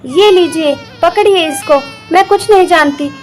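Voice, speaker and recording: A woman's voice: very high-pitched, moderate pace, faint music behind. A woman voicing a tired, chatty young aunt in a doll story, complaining as she talks. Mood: fed up. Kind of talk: doll story role-play.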